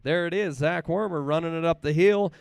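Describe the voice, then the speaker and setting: A man announcing a live race, reading out times slowly and chatting in a folksy way between runs. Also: on the high side, vocal fry, clear, resonant tone, no room sound. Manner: reads race times slowly and repeats them. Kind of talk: live play-by-play commentary.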